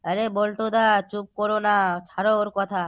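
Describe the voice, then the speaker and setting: A performer voicing a young friend in a comedy cartoon who coaxes others to calm down. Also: mid-range voice, normal speed, no echo, clean studio sound, natural voice. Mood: pleading. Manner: coaxing, peacemaking. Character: pleading young male friend.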